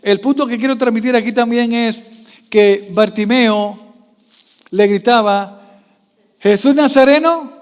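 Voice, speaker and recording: A male pastor preaching a sermon, quizzing the congregation with constant questions and swinging from soft asides to loud raised passages. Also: high-pitched, little pitch movement, a little slow, pauses often, clear, resonant tone, long reverb tail. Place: church.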